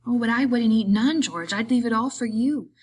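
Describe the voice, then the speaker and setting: A woman's voice: on the high side, moderate pace, darkish tone, slightly rough, voice pushed up. Woman doing a childlike, pleading big man. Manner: plaintive, pleading, rural speech. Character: simple-minded, childlike big grown man, pleading and gentle.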